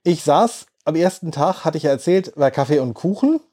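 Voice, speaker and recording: A man in his forties, chatting away about a trip. His voice is mellow and dark, and he wanders through the story with plenty of fillers and restarts. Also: a little high, lively intonation, moderate pace. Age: 40s. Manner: rambling, lots of fillers and restarts. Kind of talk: casual chat, telling a holiday story.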